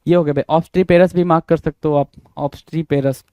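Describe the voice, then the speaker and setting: A man's voice: on the high side, steady tone, moderate pace, smooth, no echo, highs cut off. A man with an Indian accent teaching English vocabulary for an exam. He repeats each word, spells it out letter by letter, and keeps quizzing his students. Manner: repetitive, spells words letter by letter, quizzes listeners. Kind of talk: exam-prep vocabulary lesson.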